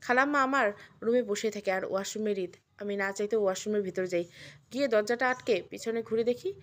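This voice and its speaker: A woman telling an emotional audio story in the first person, with earnest, steady narration. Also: mid-range voice, brisk.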